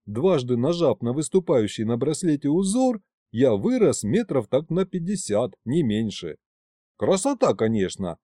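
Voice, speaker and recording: Animated man narrating an audiobook. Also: medium pitch, dry recording, clean studio sound. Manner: wry, chatty, animated. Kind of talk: first-person audiobook narration.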